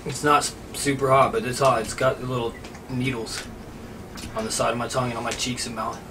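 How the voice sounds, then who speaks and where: A man in his thirties struggles through a spicy food challenge, chatting casually with his mouth burning. His voice sits at an average pitch, picked up from across a table with clear noise behind it. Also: level tone, a little fast. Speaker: host of a hot wings challenge. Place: indoors at a table in a small room. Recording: distant mic, clear background noise.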